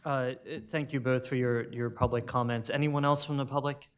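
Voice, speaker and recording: Smooth-voiced man chairing a meeting. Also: mid-range voice, level tone, brisk. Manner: polite, procedural, with frequent fillers. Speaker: committee chair.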